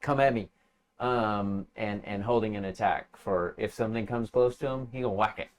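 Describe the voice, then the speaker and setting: A man playing a tabletop game, talking through his moves in a halting, thinking-aloud way. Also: on the low side, steady tone. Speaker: player. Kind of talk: casual tabletop game play.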